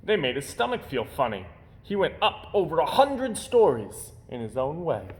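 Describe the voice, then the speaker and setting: Key words get theatrical emphasis as a man reads a children's picture book aloud in a slightly high voice at a moderate pace, telling the story expressively.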